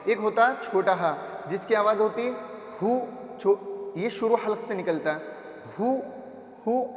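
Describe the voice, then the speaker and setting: A man teaching Quran reading, slowly sounding out syllables one by one and asking his own questions. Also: sits high. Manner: drills letter sounds, repeats each syllable, asks and answers his own questions. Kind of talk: slow classroom recitation lesson. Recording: echoey roomy reverb.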